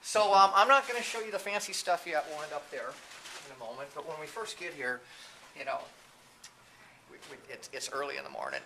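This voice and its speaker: A man with a brisk, somewhat high voice gives an informal, off-the-cuff walking tour of a video production facility. He is the CEO and presenter of a training company, and light background noise and room ambience come through.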